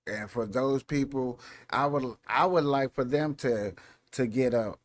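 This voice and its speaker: A man's voice: mid-range voice, unhurried, dry recording. A man hosting a casual commentary vlog, rambling and repeating himself as he talks over clips. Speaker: vlog host.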